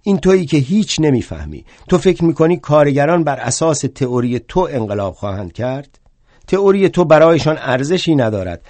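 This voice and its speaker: Brief: man doing a big, brash, drunken anarchist, loud and scornful, dry close sound. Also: medium pitch, dry recording, close to an everyday voice. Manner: shouting, scornful outbursts. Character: huge drunken fiery male anarchist, brash and crude. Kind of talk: one-man stage play.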